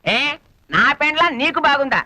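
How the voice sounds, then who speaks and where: Jealous Malayali husband. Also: male voice, very high voice, sing-song, normal speed, sharp tone, dry recording, heavily acted. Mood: quarrelsome. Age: 40s. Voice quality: quarrelsome, blunt, mangled Telugu. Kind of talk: comic film acting.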